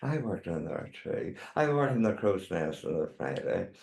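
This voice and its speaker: Low-pitched, gravelly and darkish, this very animated voice moves at normal speed. It belongs to an older drag performer with a Northern Irish accent, a guest in an echoey room telling rambling, chatty stories of the past full of repeated tags.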